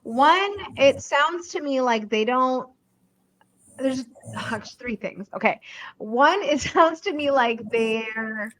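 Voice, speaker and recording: Higher-pitched, emphatic Toronto woman. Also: expressive, slow pace, a bit bright, poor audio. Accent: Toronto Canadian. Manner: emphatic, advice-giving, repeats key points. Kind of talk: casual panel discussion.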